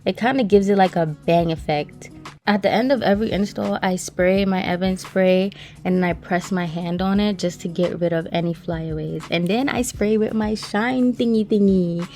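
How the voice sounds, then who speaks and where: A woman's voice: mid-range voice, moderate pace, dark tone, faint music behind. A twenty-year-old woman hairstylist from Trinidad and Brooklyn, chatting through a casual voice-over hair tutorial in a slangy way. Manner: chatty and slangy, addresses viewers as y'all. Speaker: hairstylist and vlogger. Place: voice-over, not recorded in the pictured place.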